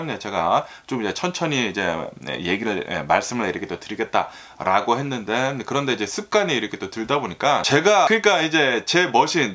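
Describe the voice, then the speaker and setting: A man talking casually to his viewers about the news, rambling and filling every pause with little filler words. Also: mid-range voice, fairly bright tone. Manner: filler-heavy, constant "ne" and "ireoke tto"; rambling and talkative, sometimes laughs. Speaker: YouTuber reviewing US news. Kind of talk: casual solo video talk.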